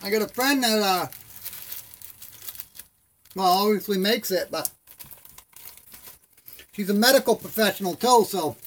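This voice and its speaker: A man with a strikingly high voice chats casually to his live stream. His words have the soft, slightly slurred shape of toothless speech, with lips closing over the gums. He rambles along in a friendly, buddy-to-buddy way. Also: a little slow, pauses often.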